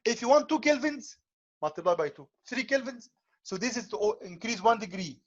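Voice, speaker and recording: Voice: mid-range voice, animated. Professor, online lecture, audio breaking up, lo-fi call sound, repeats key words. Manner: repeats key words, checks understanding with quick questions. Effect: audio breaking up over a video call. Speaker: engineering professor.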